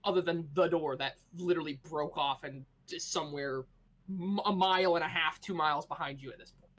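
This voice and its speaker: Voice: mid-range voice, a little fast. Easygoing game master narrating a scene. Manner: relaxed, meandering narration with fillers.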